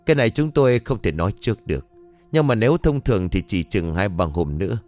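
A man playing a calm, professional doctor. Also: on the low side, faint music behind, lightly acted. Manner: calm, measured.

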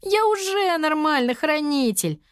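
A woman voicing an impatient young girl apprentice wizard in a storybook reading, with excitable, shrill exclamations. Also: measured pace, no room sound, clean studio sound. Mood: excited. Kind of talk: storybook character voice.

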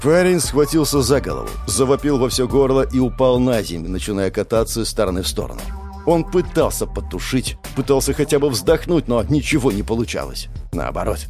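A man reads a fantasy novel aloud with a dramatic, expressive delivery. His pitch moves widely through the lines, and faint music sits under the narration. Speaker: audiobook narrator.

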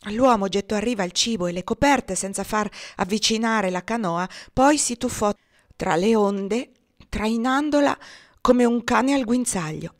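A woman's voice: on the high side, unhurried. Woman reading a storybook aloud. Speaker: reader. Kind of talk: audiobook narration.

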